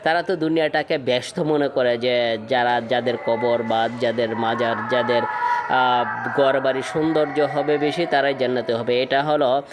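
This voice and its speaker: A man's voice: medium pitch, steady tone, moderate pace. A vlog presenter walks viewers through a shrine, explaining what they are looking at. His voice sits in a middle range, and faint outdoor noise runs underneath. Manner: addresses viewers directly, explanatory. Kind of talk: guided tour narration.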